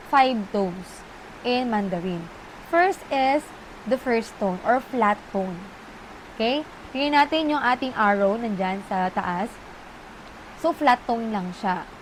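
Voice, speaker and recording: Filipino woman teaching tones, higher voice. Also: slight background noise, poor audio. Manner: code-switches, frequent "okay?" check-ins, demonstrates tones. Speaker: language teacher. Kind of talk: online lesson explanation.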